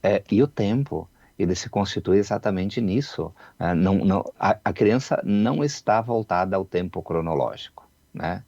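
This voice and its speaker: A man's voice: low-pitched, expressive, moderate pace, warm tone, no room sound, highs cut off. A man, a childhood researcher, explaining his views on a radio show, reflective and full of "né?" tags. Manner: reflective, repeats words, many "né?" tags.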